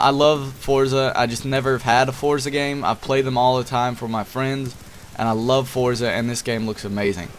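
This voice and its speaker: A man's voice: mid-range voice, a little hiss or hum. Young man, gaming commentary, enthusiastic, rambling, talks to viewers. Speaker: gaming YouTuber. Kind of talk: casual commentary over gameplay.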